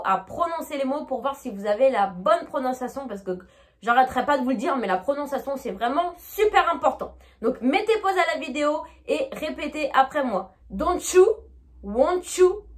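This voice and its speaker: A woman teaching English pronunciation in an online lesson, patiently repeating each example twice and checking in with "d'accord?". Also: high voice.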